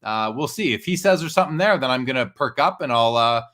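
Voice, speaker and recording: A man's voice: mid-range voice, animated, quick pace, a bit bright. A man casually discussing and explaining his views as a talkative, opinionated show commentator.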